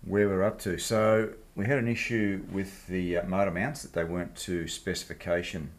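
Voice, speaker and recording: A man with an Australian accent talks in a low-pitched voice from his workshop. He explains the hands-on job casually, in an informal, blokey manner, as the host of a machining vlog. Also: level tone, moderate pace. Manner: laid-back, blokey, informal. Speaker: host of a machining project video series. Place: home workshop.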